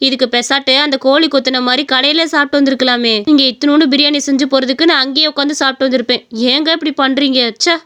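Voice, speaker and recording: A woman with a Tamil accent voicing a quick-tempered young wife in a cartoon story, scolding and complaining. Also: sits high, steady tone, a bit bright. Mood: annoyed. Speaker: voice actor.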